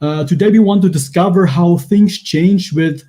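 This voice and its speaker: Mellow-voiced hesitant male host. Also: sits high, normal speed. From Philippines. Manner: hesitant, fills with uh. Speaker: podcast host. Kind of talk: casual livestream chat.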